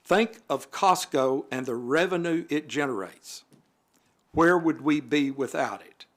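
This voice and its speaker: Unhurried and fairly bright in tone, a man with a somewhat high voice sits on the city board and reads his prepared council remarks in a formal manner, sometimes stepping aside for a comment.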